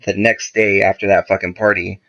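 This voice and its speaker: A man's voice: low-pitched, flat delivery, brisk, fairly bright tone. A man, a podcast guest, casually telling a story full of profanity and quoted back-and-forth dialogue. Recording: dull lo-fi podcast audio.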